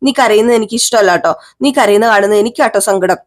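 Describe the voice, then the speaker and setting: A woman's voice: mid-range voice, quick pace, close to an everyday voice. A woman voicing a caring young husband who coaxes his wife fondly and scolds her in mock sternness.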